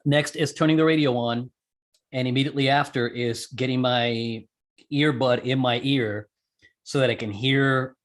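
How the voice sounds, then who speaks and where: A man being interviewed, an amateur radio operator and skydiver, describes a technical procedure in steps, chatting conversationally and revising what he says mid-stream. His voice is medium-pitched and steady, at a normal speed.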